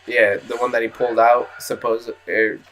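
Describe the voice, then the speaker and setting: Crude, bright-voiced podcast man. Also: medium pitch, flat delivery, moderate pace, faint music behind. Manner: crude, rambling, profane. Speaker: podcast co-host. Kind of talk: casual chat over a movie.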